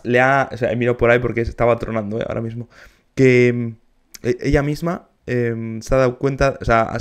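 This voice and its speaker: Musician guy reacting to a video, excited, breaks into little bits of singing, mid-pitched voice. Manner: enthusiastic, sings short snatches to demonstrate. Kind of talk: casual reaction commentary.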